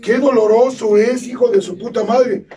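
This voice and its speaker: A Mexican man with a Mexican Spanish accent giving crude, profanity-laden testimony at a support meeting, bursting into shouts. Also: very high-pitched, fairly even intonation, moderate pace, crowd noise. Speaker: recovery group speaker. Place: meeting hall. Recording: distant mic in a noisy crowded room.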